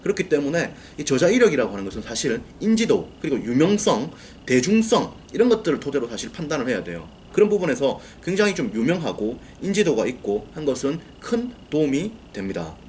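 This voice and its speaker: Man lecturing with a lively, animated voice. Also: medium pitch, brisk, few pauses, slight background noise. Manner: explanatory, repeats key phrases, asks and answers own questions. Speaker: book-writing coach.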